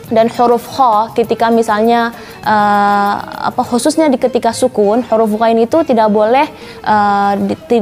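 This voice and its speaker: Female recitation tutor, patient and repetitive in her drills, pitched a little high, faint music bed. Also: darkish tone. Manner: patient, repeats syllables for the viewer to copy. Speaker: Quran recitation teacher. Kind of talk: spoken tutorial lesson.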